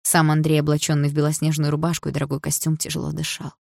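Woman audiobook narrator, low voice, quiet measured reading, dry close recording. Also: monotone, gravelly, no room sound. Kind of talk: first-person novel narration.

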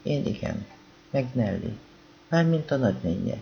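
A man with a gravelly voice reading a novel aloud as an audiobook narrator, calm and even, voicing the dialogue quietly. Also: mid-range voice, muffled recording, slight background noise. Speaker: audiobook reader.

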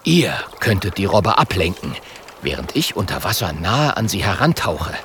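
A man voicing a boastful, cheerful male polar bear in a storybook reading, with a gravelly voice that drops to a hushed whisper. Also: big pitch swings, normal speed, slight background noise, full character voice. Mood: scheming. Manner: low hushed whisper when hunting.

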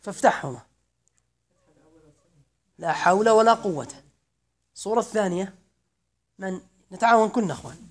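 A man giving a classroom grammar lesson, slowly reciting verse lines, then explaining them and quizzing his students. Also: high-pitched, lively intonation. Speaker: grammar teacher.

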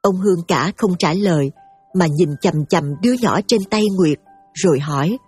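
A woman giving steady, emotive scripted story narration over faint music. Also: fairly low pitch, normal speed, husky.

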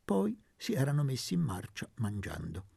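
A man reading a literary novel aloud as narrator, measured and expressive. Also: medium pitch, vocal fry, husky, no echo, clean studio sound. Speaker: audiobook reader.

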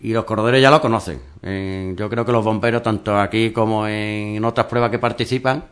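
A man's voice: fairly low pitch, fairly even intonation, fairly quick, smooth. A man who organizes a mountain race, talking it through in a rambling radio interview with many restarts.

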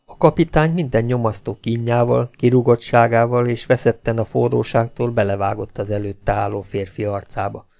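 A man narrating an audiobook in a steady, measured way. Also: mid-range voice, creaky.

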